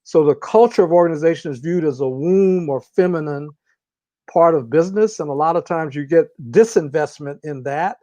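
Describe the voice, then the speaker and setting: A man speaking as an interview guest, explaining ideas in a measured, deliberate way with long pauses. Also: on the high side, warm tone, no echo, highs cut off. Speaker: interview guest, organizational consultant. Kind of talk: reflective conversational explanation.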